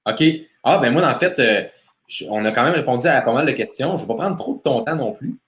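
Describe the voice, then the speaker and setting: With a medium-pitched, fairly bright voice, this Québécois host runs a live stream interview in an animated, brisk manner. His speech is relaxed and loaded with fillers and false starts, and the sound is reverberant.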